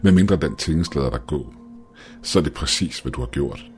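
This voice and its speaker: A man voicing a desperate, worn-out uncle who shouts in anger. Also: extremely low pitch, expressive, faint music behind. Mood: grim.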